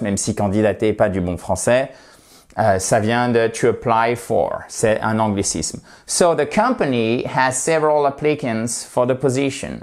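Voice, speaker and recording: A man teaching a video lesson in a chatty, friendly way, with playful asides, slowing down to stress words. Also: medium pitch. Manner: slows down and stresses words to show how they are said. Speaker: language teacher.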